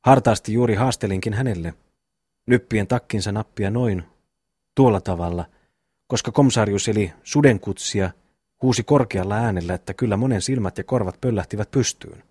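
Boastful, blunt young peasant brother, read by a man, low and husky, dry close sound. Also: darkish tone, dry recording. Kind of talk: audiobook reading of a classic novel.

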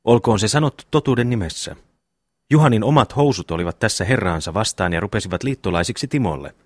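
A man reads a sensible young brother who speaks in a measured, reasoning way. The voice is low and dry. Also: lively intonation, slightly rough, no room sound. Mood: calm.

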